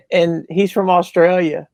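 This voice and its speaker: Man, high-pitched, easygoing chuckling podcast chat, dry sound. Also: little pitch movement, slow, a little mellow, no room sound. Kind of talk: casual chat.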